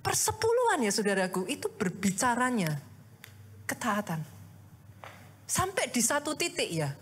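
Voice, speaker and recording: A woman pastor preaching a sermon in a lively, conversational way, full of rhetorical questions and direct address to the congregation. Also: a little high, normal speed, slight background noise. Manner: addresses the congregation often as "Saudara".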